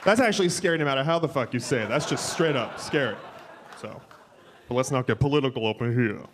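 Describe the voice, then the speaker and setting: A man in his forties doing a live stand-up set, animated, jumping into a high flamboyant yelling voice. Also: fast, some chatter behind. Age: 40s. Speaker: stand-up comedian. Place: comedy club stage. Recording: noisy live club sound.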